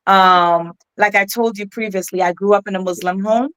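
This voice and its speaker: A woman's voice: mid-range voice, fairly even intonation, moderate pace, fairly bright tone, clean tone. A middle-aged woman from Ghana with a West African accent, telling her life story as an interview guest in an earnest, reflective way with many restarts. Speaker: guest, keynote speaker.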